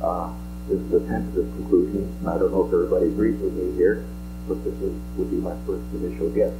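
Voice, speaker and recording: Very low, even-toned man, measured and analytical. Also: over music, rough recording. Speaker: scientist, seismic investigator. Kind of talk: press conference answer. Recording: archival audio with background hum.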